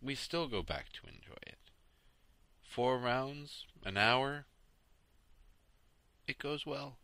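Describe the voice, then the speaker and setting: A man hosting a casual podcast, talking through his week in games in a relaxed, rambling, sleepy late-night way. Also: medium pitch, slow pace, gravelly, dry recording. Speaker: podcast host. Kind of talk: casual solo podcast chat about games.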